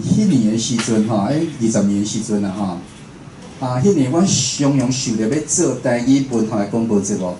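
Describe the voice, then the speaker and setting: Speaking in a mid-range, mellow voice, this Taiwanese-accented man, who hosts radio and directs a station, delivers a relaxed, conversational talk. He keeps asking the audience rhetorical questions, recorded in a roomy space with a faint hum of noise.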